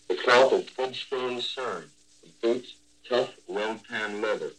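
A man working as a radio war correspondent, reading his scripted news report in a measured, descriptive way. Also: on the low side, fairly bright tone, a little hiss or hum, poor audio.

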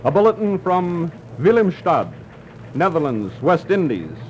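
A male announcer with a slightly raised pitch reads bulletins in a crisp, clipped manner. His voice comes through an old newsreel-style archival broadcast, muffled and dulled. A faint hiss sits under it. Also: big pitch swings, a little slow, darkish tone. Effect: old newsreel-style archival broadcast sound. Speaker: radio news announcer. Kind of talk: formal news bulletin reading. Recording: muffled, hissy old radio recording.

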